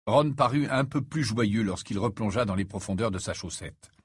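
A man reading a storybook aloud as narrator, with lively storytelling. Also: fairly low pitch, moderate pace, slightly rough, no echo, clean studio sound. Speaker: audiobook reader. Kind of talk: scripted narration.

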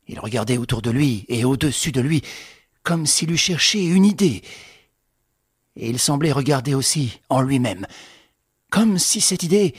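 Husky male audiobook narrator. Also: mid-range voice, no room sound, clean studio sound. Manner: dramatic, rising with the action. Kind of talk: dramatic audiobook reading.

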